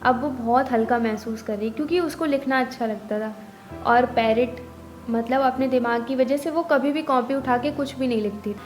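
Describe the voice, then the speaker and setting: A woman's voice: a little high, moderate pace. A young woman narrating her own reflective story in first person, voicing the other characters in her own voice. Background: faint music.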